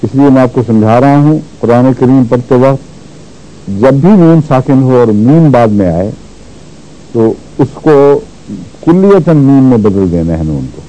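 Patient man teaching Quran recitation, dark voice. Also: medium pitch, expressive, lo-fi sound. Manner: patient, explanatory, repeats words slowly to demonstrate pronunciation. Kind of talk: religious lesson on Quran recitation.

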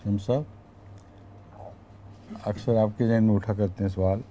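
A man's voice: lowish voice, fairly even intonation, dark tone, a little hiss or hum. A man teaching a class, explaining verses one by one and stopping to put questions to his listeners.

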